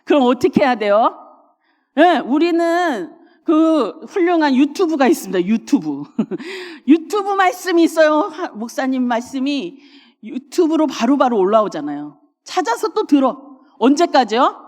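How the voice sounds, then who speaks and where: A woman pastor preaching a sermon in an animated way, often acting out her listeners' inner thoughts and laughing along. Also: sits high, measured pace. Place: church sanctuary. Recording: long church reverb.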